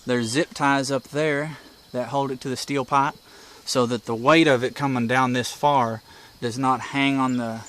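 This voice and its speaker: Clear birdsong and insect noise fill this outdoor recording by a house porch, where a man explains a process step by step. A hobbyist presenter with a mid-range, slightly bright voice, he keeps it folksy, casual, and plain.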